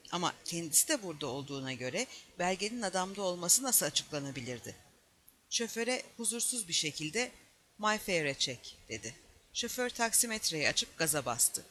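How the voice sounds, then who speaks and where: A man reading a novel aloud as an audiobook, in a steady, measured narration that lightly voices the dialogue. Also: high voice, slight background noise. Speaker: audiobook reader.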